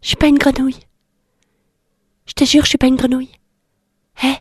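A woman voicing a small frog who says she is a bewitched princess, in a shrill, pleading, nagging voice. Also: level tone, moderate pace, husky, no room sound, studio quality. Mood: coaxing. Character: pushy little frog claiming to be princess.

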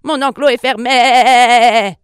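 Woman doing a high fretful little lamb, stammers, storybook voice. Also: steady tone, slow, smooth, dry recording, clean studio sound. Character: timid flustered young lamb.

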